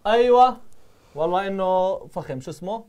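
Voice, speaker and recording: A man with a Jordanian Arabic accent teaching a live online math review, firing quick questions at his students. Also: high voice, animated, darkish tone, clear, resonant tone.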